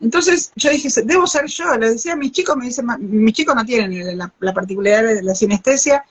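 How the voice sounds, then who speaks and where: An older Argentine biologist hosts a live interview over video call, speaking Rioplatense Spanish in a slightly high, brisk, somewhat rough voice. She's an animated storyteller, restarting her sentences often during the casual chat.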